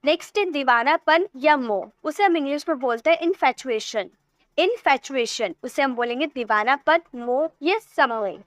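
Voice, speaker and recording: High-voiced Indian woman teaching English words. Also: expressive, a bit bright, dry recording. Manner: repeats each word slowly, drawn-out English examples. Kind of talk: vocabulary lesson.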